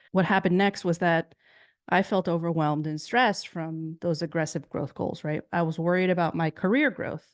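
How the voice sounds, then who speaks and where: A woman giving a conference keynote on marketing, telling a story in an animated way with rhetorical questions. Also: sits low, no room sound, studio quality. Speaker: marketing speaker.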